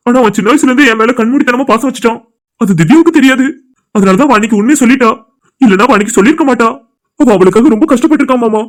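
Earnest young cartoon guy begging for his buddy, a man doing the voice, super high, talks really fast. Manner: earnest, pleading. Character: young man, anxious, devoted loyal friend. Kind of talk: cartoon voice acting.

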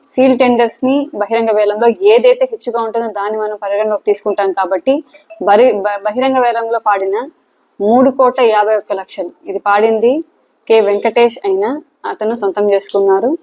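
A woman official giving a formal statement to the press, haltingly and repeating words. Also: fairly high pitch. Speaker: local government official. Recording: dull, lo-fi sound.

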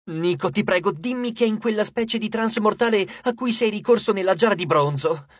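A man's voice: high-pitched, brisk, no echo, voice pushed up. A man acts out an anxious young male demigod, earnest and desperate, pushing his voice up as he pleads. It is a storybook reading recorded close and dry. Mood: pleading. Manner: urgent, pleading. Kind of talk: audiobook character reading.

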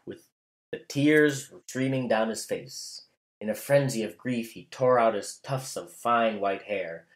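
Man narrating a classical tale. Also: lowish voice. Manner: measured, literary reading. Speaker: storyteller. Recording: roomy echo.

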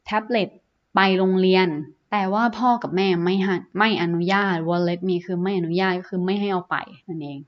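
A woman teacher with a Thai accent, reading English sentences slowly and then explaining them in Thai with fillers, in an online lesson. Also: lowish voice, steady tone, lo-fi sound.

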